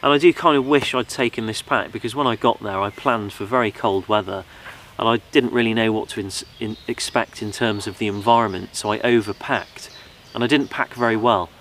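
A man's voice: on the low side, fairly even intonation, a little fast, a bit bright, slight background noise. A young man hosting a bushcraft channel, casually talking through his gear outdoors in a forest, rambling with many ums and you knows.

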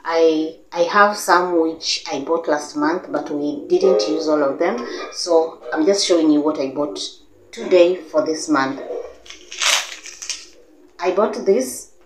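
A woman's voice: deep voice, takes it slowly, roomy sound, background noise. A young Kenyan woman with a Kenyan English accent, chatting casually to camera about her grocery haul, full of fillers and restarts. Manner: chatty, gestures a lot, many fillers and restarts. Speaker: vlogger. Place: living room with a sofa, indoors.

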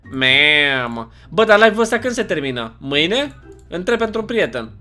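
A man's voice: on the high side, faint music behind. A young man with a Romanian accent, chatty and jokey, giving casual commentary while playing a video game. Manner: chatty, animated, jokey, often puzzled and exclaiming. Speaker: gaming YouTuber.

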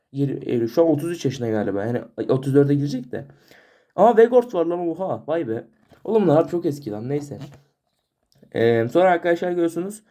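A man's voice: on the high side, mellow. A man vlogging in a casual chat to camera as he shows off his card collection. He keeps turning to address his viewers as friends and stumbles over names.

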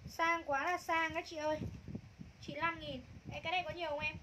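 A woman's voice: high voice, flat delivery, brisk, background noise. A woman runs a live clothing sale, calling out prices and item codes over and over in a gushing sales patter. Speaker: livestream clothing seller.

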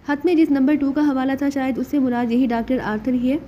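A man's voice: very high voice, fairly even intonation, lo-fi sound, a little hiss or hum. A woman voicing a stern, grave senior male officer in an audiobook.

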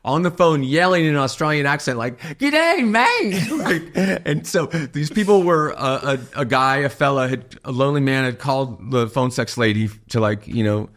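A man hosting a casual podcast chat, excitable and quick to laugh. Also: mid-range voice. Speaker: podcast host.

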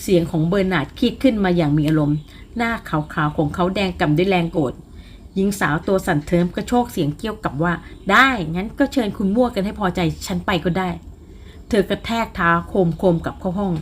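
A woman narrating a romance novel as an audiobook, telling the story in a smooth, even way. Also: lowish voice, a little hiss or hum.

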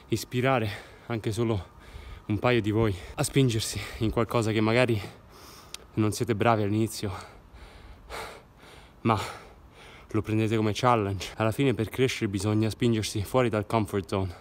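A man's voice: lowish voice, steady tone, moderate pace. A young man in his twenties talking casually to viewers in a fitness vlog, filmed on a handheld phone. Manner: upbeat, addresses viewers directly. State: out of breath after running. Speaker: fitness vlogger. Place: parked car, then outdoors on a street, then a kitchen. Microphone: phone camera at arm's length.

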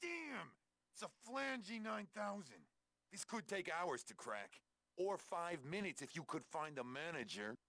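A man's voice: high-pitched, very animated, a little slow, pushed and bright, no echo, heavily acted. A man playing a grumbling safecracker in a robbery gang in a video game.

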